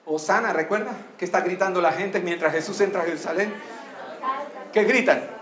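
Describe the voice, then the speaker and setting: A male pastor preaching an expository sermon, emphatic and building to loud climaxes. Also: sits high, a little fast, a crowd in the background.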